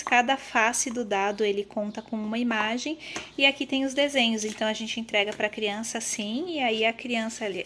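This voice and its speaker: A Brazilian educator films one-handed on her phone, casually demonstrating classroom materials for children. Her slightly high, somewhat bright voice carries a Brazilian Portuguese accent, and she explains things with frequent tag questions, counting aloud slowly as if for kids. A faint hiss or hum runs underneath.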